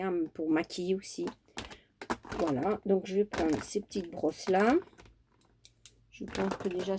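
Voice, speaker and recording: A woman's voice: mid-range voice, mellow, slight background noise. A woman chatting casually through a crafting tutorial at her home craft table, homely and talkative, with many fillers. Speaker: craft vlogger.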